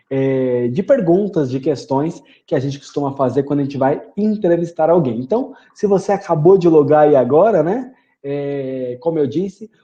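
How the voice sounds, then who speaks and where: A man in his thirties with a Brazilian Portuguese accent, teaching an online lesson and repeating phrases slowly with many fillers. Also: a little high, mellow, highs cut off. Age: 30s. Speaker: English teacher. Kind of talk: online lesson with screen share.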